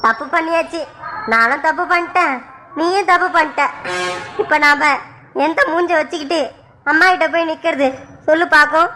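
A woman's voice: very high voice, moderate pace, long pauses, sharp tone, slight background noise. A woman voicing a regretful family member in a family cartoon, speaking earnestly to console a tearful wife. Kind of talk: Tamil family cartoon voice acting.

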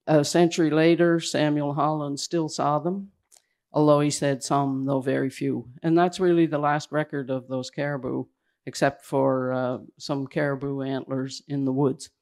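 A man giving a slide presentation at a public event indoors, talking in a hurried, halting way that keeps restarting its phrases. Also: on the high side, level tone, darkish tone. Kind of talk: slide presentation to a live audience.

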